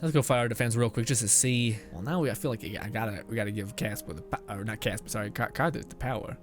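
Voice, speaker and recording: A man's voice: on the low side, fast talker, music in the background. A young man streaming a game, chatting casually, laughing often and reading chat messages aloud. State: out of breath at times. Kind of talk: casual live-stream commentary.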